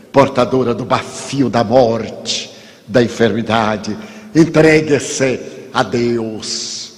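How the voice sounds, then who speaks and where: A man with a Brazilian accent giving an inspirational spiritist sermon, emphatic and dramatic, stretching key words as he tells a story. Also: mid-range voice. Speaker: spiritist speaker. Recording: long hall reverb.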